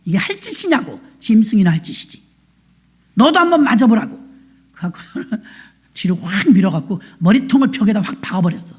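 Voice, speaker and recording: A woman's voice: on the high side, darkish tone, breathy edge. A woman pastor telling a story in a sermon, plain-spoken and colloquial, acting out the voices of the people in it. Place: church.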